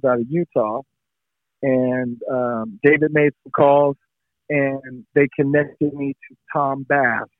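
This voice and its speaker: A middle-aged man tells a story in a relaxed, chatty way, slipping into the voices of the people in it. His voice is mid-pitched, and the sound is thin and phone-like and very dry. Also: dry recording. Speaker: former pro football player, guest. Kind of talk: casual storytelling in an interview. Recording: tinny phone-like line, dry.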